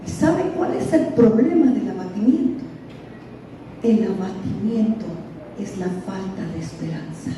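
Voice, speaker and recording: A woman's voice: medium pitch, lively intonation, measured pace, background noise. A middle-aged woman from Guatemala, preaching a sermon with passion, telling stories and asking rhetorical questions. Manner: impassioned, storytelling with rhetorical questions. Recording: echoey hall, distant dull mic.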